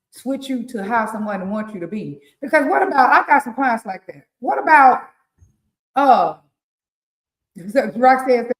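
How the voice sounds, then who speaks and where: Her rural Southern US accent comes through as she co-hosts a casual morning live stream, offering animated, preachy relationship coaching and laughing frequently. The voice is fairly high in pitch, and the space sounds echoey.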